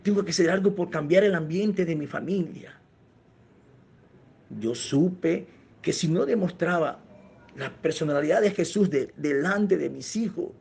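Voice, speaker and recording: A man's voice: sits high, creaky, a little mellow, husky. A male pastor telling a story in a sermon, earnest and reflective, speaking directly to his congregation. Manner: earnest, reflective, addresses listeners as brothers.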